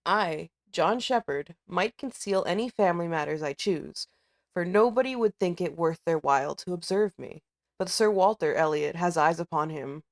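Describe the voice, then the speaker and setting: A woman's voice: lowish voice, no room sound, clean studio sound. A woman reading a storybook part as a deferential, long-winded, formal man of business eager to please.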